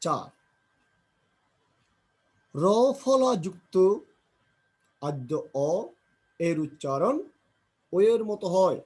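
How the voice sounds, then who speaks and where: Slow, husky man teaching word pronunciation. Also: on the high side, big pitch swings, a little mellow. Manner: repeats example words and asks himself questions. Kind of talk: grammar lesson, slow drilling of word pronunciation.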